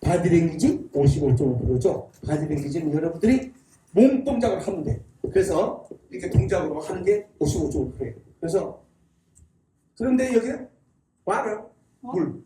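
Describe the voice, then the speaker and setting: Guy with a high mellow voice giving a church lecture, makes the crowd repeat words after him, sounds far off the mic. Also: big pitch swings, brisk, slight background noise. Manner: drills the audience in call-and-response repetition; folksy, chuckling delivery. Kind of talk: public lecture to a live audience. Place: church hall. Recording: echoey hall, mic at a distance.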